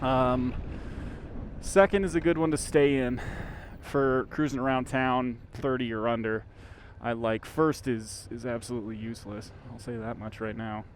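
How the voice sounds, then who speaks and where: Male moto-vlogger, medium pitch, heard inside a helmet with some vehicle noise; off-the-cuff, chatty, lightly sweary. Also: steady tone, moderate pace. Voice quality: voice enclosed inside a motorcycle helmet. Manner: informal, self-interrupting, mildly sweary. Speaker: motorcycle vlogger. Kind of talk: casual rambling vlog while riding. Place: outdoors, riding a motorcycle in traffic. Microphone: microphone inside a helmet.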